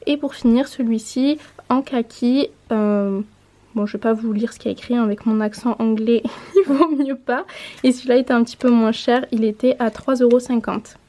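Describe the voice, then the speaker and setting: Speaking a little fast, a mom vlogger in her twenties runs through a casual haul vlog, showing outfits to the camera and correcting herself along the way. Her voice is high-ish, mellow and steady, and she's in a home room by a window.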